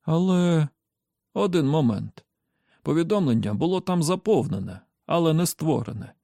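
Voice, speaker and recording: A man reading an audiobook, voicing a shrewd older man who explains his reasoning step by step in a measured way. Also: on the high side, lively intonation, warm tone, no room sound, studio quality. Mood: explaining. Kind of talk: audiobook character voice.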